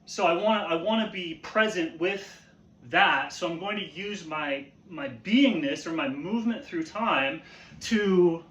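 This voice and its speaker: Higher-pitched man teaching in an echoey space. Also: a bit bright. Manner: halting, repeats and rephrases phrases, checks with "right?". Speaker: martial arts instructor. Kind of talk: informal instructional explanation while demonstrating. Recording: roomy, echoey sound.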